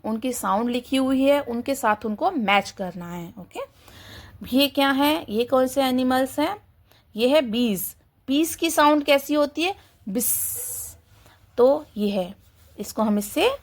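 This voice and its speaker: This high-voiced woman leads a kindergarten English class in Hindi and English. She explains things slowly and patiently, poses questions and supplies the answers, and copies the sounds animals make.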